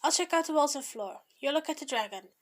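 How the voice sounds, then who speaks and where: A woman reading aloud and voicing a cheerful, energetic young boy in a story, eager and upbeat. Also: sits high, fast, pitched above the performer's own voice. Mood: curious.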